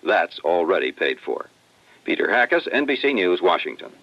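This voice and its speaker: A man delivering a scripted news report in a formal, measured newsreader manner, heard as a dense old radio broadcast. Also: low voice, big pitch swings, fairly bright tone, no echo, highs cut off. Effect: dense old radio broadcast sound. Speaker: news correspondent.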